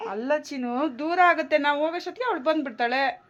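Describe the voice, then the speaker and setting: Gentle young mother, slightly high voice. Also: fast, muffled recording, slight background noise. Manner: gentle, coaxing and reassuring. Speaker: mother and home vlogger. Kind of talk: casual home vlog chat.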